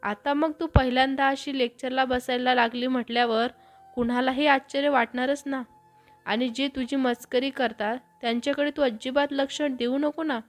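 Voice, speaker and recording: A kind young man from a storybook romance talks softly and patiently to calm his girlfriend, voiced by a woman narrator. The voice sits fairly high, with faint music playing under it. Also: moderate pace, close to an everyday voice. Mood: reassuring. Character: young male boyfriend, gentle and reassuring.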